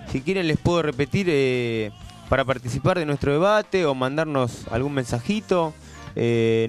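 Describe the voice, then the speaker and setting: A man with an Argentine accent hosting a casual community radio show, handing off to his co-hosts. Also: on the high side. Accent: Argentine Spanish. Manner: leads the show, hands off to co-hosts.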